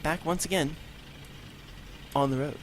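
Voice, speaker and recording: A man with a slightly high voice hosts a gaming channel, chatting casually through let's play commentary in a rambling, self-mocking way. He sounds a bit congested from allergies, keeps his intonation fairly even, and takes his time. The room has no acoustic paneling, and there's a faint hiss or hum.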